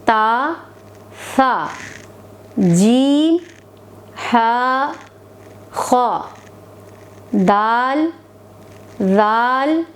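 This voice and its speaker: A woman with an Urdu accent teaching Quran recitation, drawing out each letter sound between short explanations. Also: sits high. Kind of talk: slow recitation lesson.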